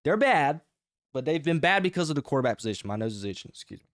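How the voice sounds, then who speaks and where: A man hosting his own sports podcast, talking through his game picks in a casual, energetic, rambling way with emphatic outbursts. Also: on the high side, fast, no echo, studio quality. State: short of breath.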